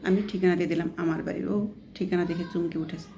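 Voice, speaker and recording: A woman's voice: on the low side, fairly even intonation, quick pace, mellow, slight background noise. A woman vlogger telling a first-person story in a casual, chatty way, quoting others as she goes and often adding a checking question. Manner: plainly quotes others within the story.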